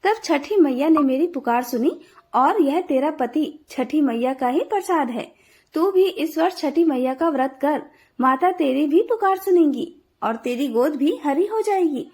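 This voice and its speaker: A woman voicing a devout, patient old mother-in-law in a storybook tale, talking in a gentle, pleading way. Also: high-pitched, lively intonation, measured pace.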